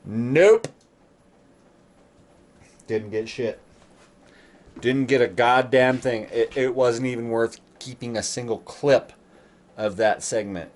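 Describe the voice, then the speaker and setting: A man vlogging about building a bike, talking casually in an exasperated, heavily profane rant that swings between loud outbursts and low muttering. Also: takes it slowly, long pauses.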